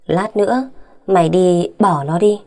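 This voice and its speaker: A woman narrator voicing a brutal, contemptuous young husband who throws out quick, harsh insults. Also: fairly low pitch, darkish tone. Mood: harsh contempt. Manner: harsh, sneering, fast insults.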